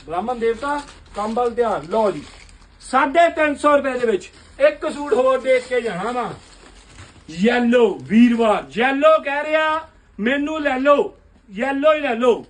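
A man pitches clothes at the top of his lungs, his voice sitting extremely high for a man. He runs a basement clothing shop and hawks prices rapid-fire, as a loud live sales call. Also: lively intonation. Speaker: shopkeeper selling suits.

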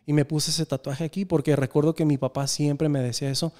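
A man with a Mexican accent tells personal stories in a casual, earnest way. His voice sits a little high but sounds mellow and smooth. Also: flat delivery, a little fast. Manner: earnest, reflective storytelling. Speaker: podcast guest. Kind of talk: casual conversation.

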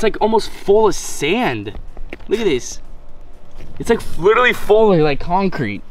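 A man in his twenties vlogging outdoors on a rooftop, talking in an excited, hyped way with casual swearing. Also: sits high, slight background noise. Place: outdoors on a house roof and driveway.

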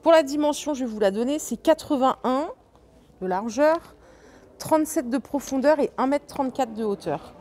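A woman's voice: sits high, normal speed, a little mellow. A woman giving a chatty, enthusiastic shopping walkthrough inside a large furniture store, listing prices and sizes. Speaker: shopping vlogger. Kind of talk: casual store walkthrough vlog. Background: faint store ambience.

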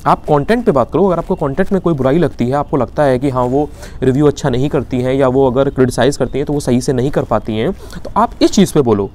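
A man's voice: mid-range voice, fast talker, darkish tone. A man with an Indian accent giving an indignant opinion commentary, arguing with rhetorical questions. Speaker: YouTube commentator.

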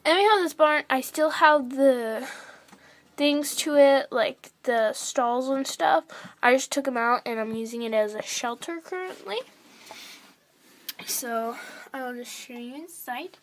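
A woman's voice: high voice, measured pace. A young girl giving a casual, rambling tour of her toy horse barn, filmed indoors on a handheld phone. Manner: chatty, rambling, lots of fillers. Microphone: handheld phone camera close to toys.

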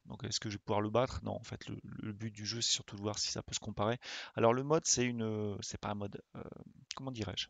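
A man's voice: on the low side, gravelly, fairly bright tone, no echo. A man chatting casually to his viewers about sim racing, rambling with many fillers and restarts. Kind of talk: casual hesitant chat to viewers.

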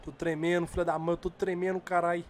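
A man's voice: sits high, quick pace, slight background noise. A Brazilian man giving live gameplay commentary, swearing and urging his players on, keeping his voice down because of the late hour. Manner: excitable, swearing and urging on the screen; holding back from shouting because of the late hour. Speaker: gamer.

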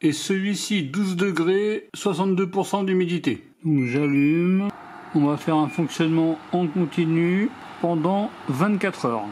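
A French man calmly walking through a product test off camera, reading out measurements one by one in a matter-of-fact way. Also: sits high, measured pace, a little hiss or hum. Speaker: DIY product reviewer. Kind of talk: hands-on product demonstration voice-over.

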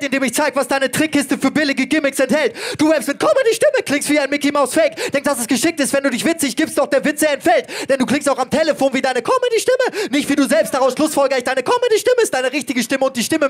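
A man performing aggressive, shouted taunts in a live rap battle. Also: very high voice. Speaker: battle rapper.

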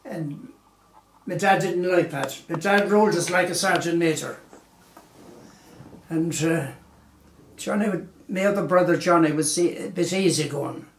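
A man's voice: fairly high pitch, a little hiss or hum. Elderly man, rambling storyteller. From Galway, Ireland. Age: 90s. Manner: rambling, with many pauses and fillers. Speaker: oral history interviewee. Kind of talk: unhurried storytelling reminiscence. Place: small living room indoors, seated in armchair. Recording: roomy living-room echo.

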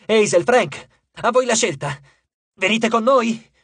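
A man's voice: high voice, animated, slow, fairly bright tone, husky, no echo, voice pushed up, heavily acted. A man doing an urgent teenage demigod boy. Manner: calling out urgently.

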